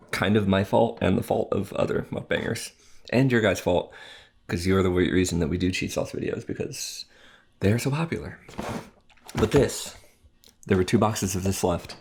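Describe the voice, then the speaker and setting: A man's voice: sits low, moderate pace, vocal fry, a little mellow, slight background noise. A man hosting a home eating video, chatting casually and joking in rambling asides. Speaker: mukbang host. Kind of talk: casual chat while eating on camera.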